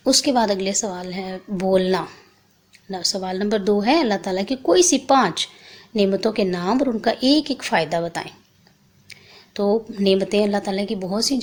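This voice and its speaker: A woman from Pakistan teaching a primary school language lesson, explaining each exercise patiently step by step, checking in often, and reading word lists slowly and clearly. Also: mid-range voice. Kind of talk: recorded class lesson.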